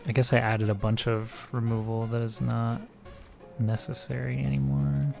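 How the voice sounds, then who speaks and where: Gravelly man streaming a card game. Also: medium pitch, level tone, moderate pace, darkish tone, soft background music. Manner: thinks aloud, muttering card names. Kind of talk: casual gameplay commentary.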